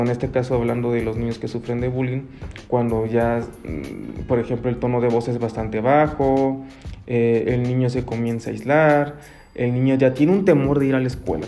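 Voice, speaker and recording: Man, gravelly voice, earnest advice-giving guest. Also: medium pitch, mellow. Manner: earnest, explanatory, frequent restarts and fillers. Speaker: guest expert on child bullying. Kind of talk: radio-style talk, advising parents.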